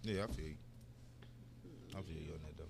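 A man's voice: a bass voice, a little fast, creaky, background noise. A man with a Detroit accent co-hosting a podcast in casual, profane chat, acting out quoted voices. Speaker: podcast co-host.

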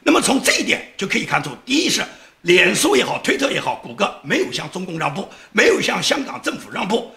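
Male commentator, fast, scornful, sarcastic; high voice with a gravelly edge; echoey room. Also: huge pitch swings, sharp tone. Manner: laughs mid-sentence while talking. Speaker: political commentator. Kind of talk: political commentary monologue.

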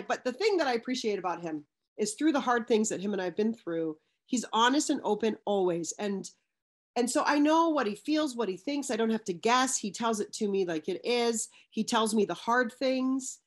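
A woman's voice: fairly high pitch, animated, moderate pace. A woman as an interview guest, speaking earnestly in a casual chat, with frequent restarts and fillers.

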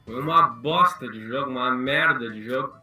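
A man's voice: medium pitch, normal speed, pushed and bright, faint music behind. A man, a panelist in a casual sports chat, blunt, profane and indignant. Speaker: podcast panelist.

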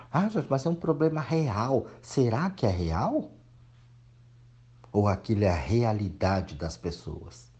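Deep-voiced Brazilian man, lively delivery, preachy monologue host who mocks whiny voices. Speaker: motivational speaker. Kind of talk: reflective monologue.

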